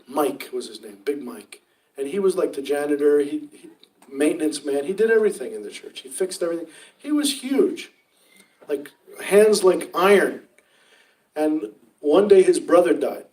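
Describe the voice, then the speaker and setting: Far-off priest preaching casually, mellow voice. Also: male voice, fairly high pitch. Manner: conversational, rhetorical questions, acts out quotes. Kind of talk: retreat sermon.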